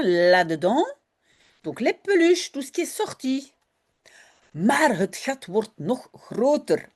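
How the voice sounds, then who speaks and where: Slow, lively teacher, woman. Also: fairly high pitch. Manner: slow, explanatory, switching between Dutch and French. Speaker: Dutch language teacher. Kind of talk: line-by-line reading and translation lesson.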